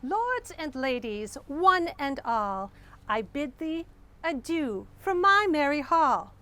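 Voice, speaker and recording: A woman's voice: sits high, big pitch swings, slow pace, pushed and bright, pitched above the performer's own voice, full character voice. A woman playing a courtly olde-worlde lady who speaks in grand, archaic, sing-song rhymes. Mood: grand farewell.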